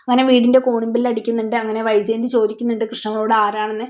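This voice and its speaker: Woman rattling thru a serial recap, quick and a bit high, chatty. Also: level tone, darkish tone. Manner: chatty, retells dialogue, frequent tag particles. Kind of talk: casual episode recap.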